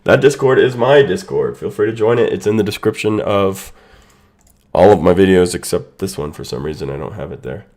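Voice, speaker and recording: A streamer hosting a watch party chats casually with his viewers and greets people by name while setting up, his voice congested from a sinus infection. He speaks low, brisk and expressive, a little mellow. Unmuted stream audio creates an echo.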